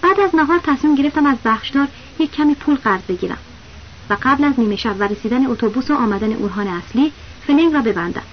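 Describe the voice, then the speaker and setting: A woman with a high voice reads a novel aloud in the first person, keeping her storytelling steady and plain. The recording sounds dull and lo-fi, and a faint hiss runs underneath. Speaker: audiobook narrator.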